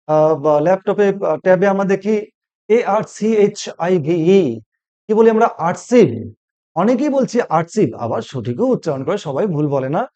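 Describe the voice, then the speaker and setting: Bengali guy teaching english pronunciation, keeps asking and repeating, warm voice, kinda dull lo-fi sound. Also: high-pitched. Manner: repeats words and quizzes the viewer. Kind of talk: pronunciation lesson.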